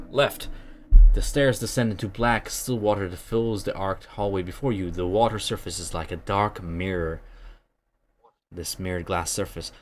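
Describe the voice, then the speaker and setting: A man narrating a tabletop role-playing game as game master, setting scenes in a halting, descriptive way. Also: on the low side, a little hiss or hum.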